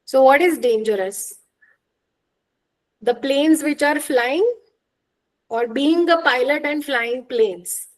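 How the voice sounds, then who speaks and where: A woman teaching an online exam-prep lecture, explaining with examples and checking understanding with quick questions. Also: high voice, poor audio.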